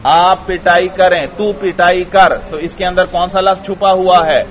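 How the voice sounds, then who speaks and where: A man's voice: sits high, fairly even intonation, fairly bright tone. A man teaching a grammar lesson to a class, often asking students questions and repeating their answers. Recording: dull lo-fi recording.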